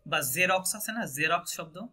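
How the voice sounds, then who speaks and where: A man with a Bangladeshi Bengali accent leads a French lesson and keeps checking that his students follow. His voice is very bright and sits a little high. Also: expressive, normal speed. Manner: patient, asks checking questions often. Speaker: French teacher. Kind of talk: online language class.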